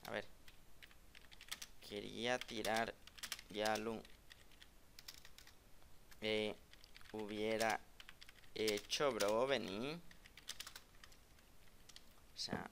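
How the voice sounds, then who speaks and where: A man giving live, excitable game commentary as a gaming video creator, joking and trash-talking opponents, recorded over loud background noise and keyboard clicks. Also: on the low side. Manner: excitable, jokey trash talk aimed at opponents.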